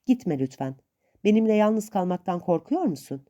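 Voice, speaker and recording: A woman voicing a shy, timid young man who speaks hesitantly and softly in a storybook reading. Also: mid-range voice, very animated, normal speed, natural voice. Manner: hesitant, soft-spoken.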